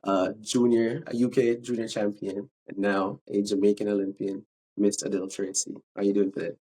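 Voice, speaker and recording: Male podcast host, husky tone, casual and rambling with false starts. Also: lowish voice, flat delivery, normal speed, mellow, rough recording. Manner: chatty, hesitant, with restarts and apologies. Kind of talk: casual interview.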